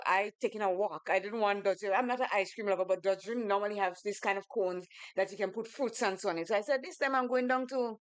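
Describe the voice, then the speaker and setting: Animated Grenadian woman telling a story. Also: mid-range voice, smooth, no room sound. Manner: animated storyteller, acts out quoted voices. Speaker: radio co-host. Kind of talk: casual radio talk with storytelling. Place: radio studio.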